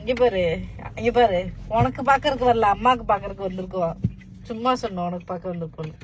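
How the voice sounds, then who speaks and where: A woman's voice: medium pitch, fast talker, faint music behind, poor audio. A woman vlogging with her young son, coaxing and soothing him during a hospital visit. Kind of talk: casual family vlog. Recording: loud background noise.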